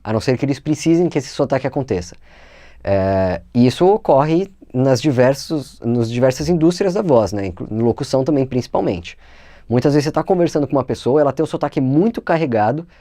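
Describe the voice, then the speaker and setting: A man with a São Paulo Brazilian accent, calmly explaining as a voice actor guest in an interview. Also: mid-range voice, fast, no echo, clean studio sound. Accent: São Paulo Brazilian Portuguese.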